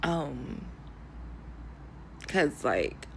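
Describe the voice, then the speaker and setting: Young woman venting to her viewers, low gravelly voice, stressed, bit of faint hiss. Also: big pitch swings, very slow. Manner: candid, talks to viewers as "y'all", rambling with fillers. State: stressed, near tears. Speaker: vlogger. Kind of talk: emotional personal vlog.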